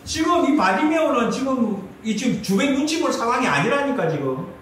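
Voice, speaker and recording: A man's voice: extremely high pitch, big pitch swings, a little fast, a bit bright, distant mic, a little hiss or hum. A man preaching a sermon as pastor, asking the congregation questions and answering them himself. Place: church sanctuary. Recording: echoey hall, mic from afar.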